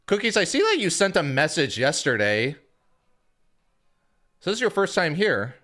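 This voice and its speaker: With a fairly high voice at a moderate pace, a young man casually addresses his live-stream audience. His loose, relaxed rambling is thick with "like" and other fillers.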